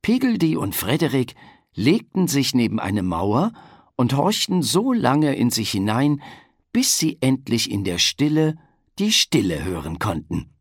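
A woman reading a children's story aloud slowly and calmly, with expressive rises and falls. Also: very deep voice, slightly rough, dry recording, studio quality. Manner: slow, calm and expressive.

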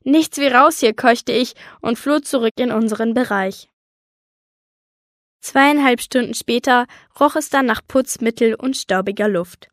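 A woman reading a children's story in lively first-person audiobook narration. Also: fairly high pitch, measured pace, no echo, clean studio sound. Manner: lively storytelling, voicing a young girl narrator. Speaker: audiobook reader.

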